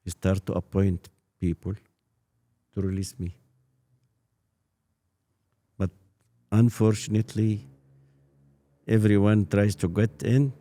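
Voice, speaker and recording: Gravelly-voiced elderly Egyptian man. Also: on the low side, fairly even intonation, dark tone. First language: Arabic. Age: 80s. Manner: halting, repeats and restarts words. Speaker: Coptic priest guest. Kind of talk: storytelling in an interview.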